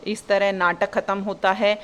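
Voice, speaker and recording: A woman's voice: medium pitch, little pitch movement, normal speed, fairly bright tone. A woman teacher explaining a play to her students, retelling each line in simpler words. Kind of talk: explaining a school lesson.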